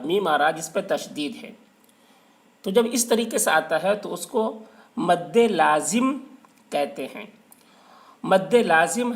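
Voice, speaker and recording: Man, high voice, recitation teacher, patient, repetitive, drawn-out letters. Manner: explains patiently, repeats letters slowly and drawn out. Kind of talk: step-by-step tajweed lesson.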